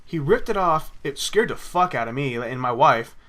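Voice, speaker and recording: A man's voice: mid-range voice, lively intonation, normal speed, pushed and bright. A young man telling a personal story in a rambling, profane way while commenting on his gameplay. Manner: rambling, profane, with many restarts. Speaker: gaming commentator. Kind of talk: casual storytelling over gameplay.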